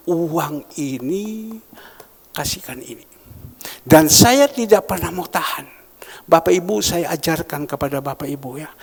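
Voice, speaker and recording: Male pastor, gravelly, preaches emphatically with loud-to-whisper swings in a reverberant hall. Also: a little high. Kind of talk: sermon. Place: church hall.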